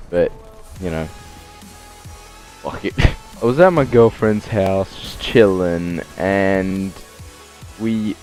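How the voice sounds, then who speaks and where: A young Australian man with a fairly low voice tells a story in a loose vlog style. He swears freely and jumps into voices for the people in it. Faint music plays underneath. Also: a little mellow. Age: young adult. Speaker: vlogger.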